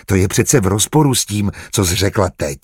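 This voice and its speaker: A man voicing a kind, patient middle-aged doctor who speaks calmly and measuredly in an audiobook. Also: fairly low pitch, breathy edge, dry recording, clean studio sound. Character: kind, gentle middle-aged male physician.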